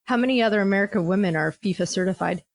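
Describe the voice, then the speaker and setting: A woman's voice: mid-range voice, racing. A woman hosting a podcast, asking friendly, leading interview questions. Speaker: podcast host.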